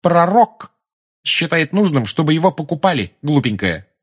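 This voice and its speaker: A man's voice: on the high side, big pitch swings, normal speed, breathy edge, pitched above the performer's own voice. A man reading an audiobook, voicing a cold, mocking female journalist in a raised voice. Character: sharp, scornful adult female journalist.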